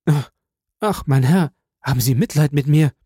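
A man's voice: on the high side, normal speed, dark tone, slightly rough, dry recording, studio quality, voice pushed up. A man voicing a passionate, grief-stricken young man who speaks in fervent, insistent repetitions. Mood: pleading.

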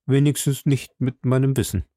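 A man's voice: medium pitch, fairly even intonation, moderate pace, dark tone, no room sound, clean studio sound, close to an everyday voice. A man voicing a timid, frightened middle-aged male shopkeeper who speaks hesitantly and pleads anxiously.

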